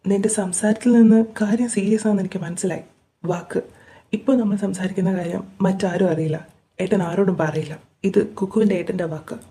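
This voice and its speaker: A woman voicing a caring, protective young man who acts as an older brother, talking in a gentle, coaxing way in a fan audio drama. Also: medium pitch, steady tone, brisk, lightly acted. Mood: reassuring.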